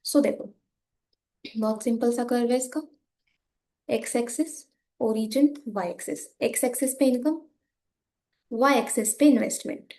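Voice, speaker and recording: A young Indian woman with a hoarse, sore voice, patiently teaching an economics lesson while drawing graphs and speaking softly. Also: on the high side. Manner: patient, repeats "ठीक है" often, switches between Hindi and English.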